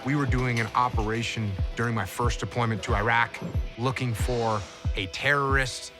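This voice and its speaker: A man giving a motivational leadership talk, speaking emphatically, swinging between sharp high rises and low, quiet drops. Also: fairly even intonation, normal speed, over music.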